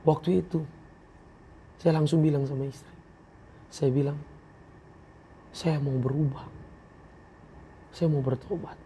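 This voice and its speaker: A man's voice: a little high, steady tone, a little slow, long pauses, warm tone, slight background noise. Earnest man giving a heartfelt testimony. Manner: earnest, emotional, acts out quoted speech. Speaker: interview guest. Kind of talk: personal testimony.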